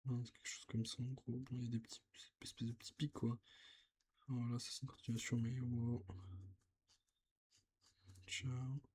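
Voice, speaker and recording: A man's voice: mid-range voice, flat delivery, fairly quick, a little mellow, a little hiss or hum. A young man vlogging his language practice, talking casually and hesitantly as he writes. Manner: hesitant, thinking aloud while writing. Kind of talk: casual learning vlog. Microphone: camera set on the desk.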